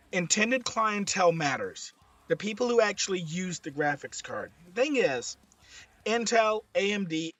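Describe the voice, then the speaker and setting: A man presenting tech commentary with a hoarse, strained voice that is giving out, stressing his points by repeating them. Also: sits high, fairly bright tone, dry recording. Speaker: streamer, presenter. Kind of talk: slide-based tech commentary.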